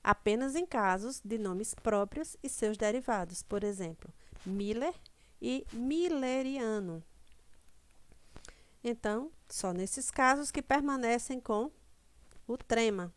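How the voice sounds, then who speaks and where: Slow, patient woman teaching grammar. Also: fairly high pitch, expressive, dry recording. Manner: slow didactic, stretches example words, frequent "certo?" checks. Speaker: Portuguese language teacher. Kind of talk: online grammar lesson.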